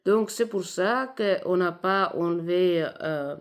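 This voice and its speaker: A woman from Italy, a native Italian speaker with an Italian accent in French, giving informal spoken commentary in a halting way as she searches for words. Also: on the low side. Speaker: video commentator.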